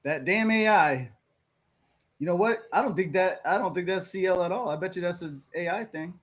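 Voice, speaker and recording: A man's voice: high-pitched, moderate pace. A man co-hosting a livestream over a video call, talking playfully and teasing the others. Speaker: livestream co-host. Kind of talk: casual chat.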